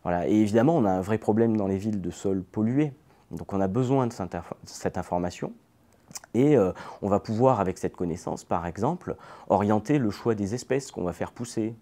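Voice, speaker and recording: A middle-aged man explaining things, an ecologist presenting a lesson and often pausing on fillers. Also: lowish voice, mellow. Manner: hesitant, many fillers. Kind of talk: educational explanation.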